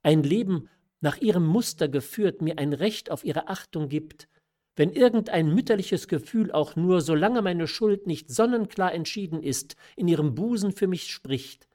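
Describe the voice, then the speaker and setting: A man's voice: on the high side, sing-song, a little slow, a little mellow. A man reading aloud who voices a desperate, pleading young noblewoman in a classic story. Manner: emotional, imploring. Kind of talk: audiobook reading of a classic novella.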